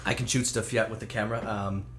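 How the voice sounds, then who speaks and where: A young man from Canada chatting as a guest on a talk show, easygoing and joking, with lots of fillers and pauses. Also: fairly low pitch, little pitch movement, a bit bright, slight background noise. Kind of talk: casual chat.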